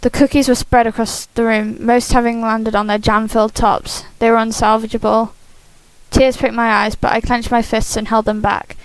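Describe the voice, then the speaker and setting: A woman hosting a game playthrough, reading a visual novel aloud expressively with casual asides, animated and giggly. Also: fairly high pitch, normal speed, clear, resonant tone, no echo, low-quality recording. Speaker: host of a game playthrough series.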